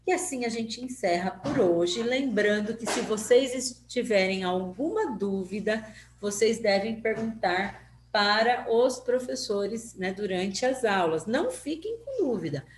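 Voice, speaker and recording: A woman's voice: medium pitch, lively intonation, a little slow, roomy sound, a little hiss or hum. A woman teacher from Brazil with a Brazilian Portuguese accent, patiently explaining grammar in a recorded lesson and asking rhetorical questions.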